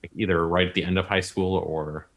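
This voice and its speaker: Deep-voiced man rambling casually. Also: steady tone, brisk, a bit bright. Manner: rambling, uses many fillers. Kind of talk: casual movie discussion.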